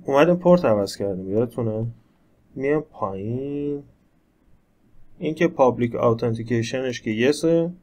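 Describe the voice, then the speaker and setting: Guy walking thru a computer tutorial, chatty, step by step, mid-pitch voice, clicks in the background. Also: expressive, a little mellow. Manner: conversational, explains step by step while operating the computer. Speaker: instructor. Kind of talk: screen-recorded tech tutorial.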